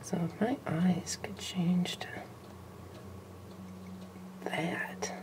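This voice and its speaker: A young woman filming a pet lizard, often whispering gently and giggling as she coaxes it. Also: on the low side, very slow. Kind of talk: casual home video narration.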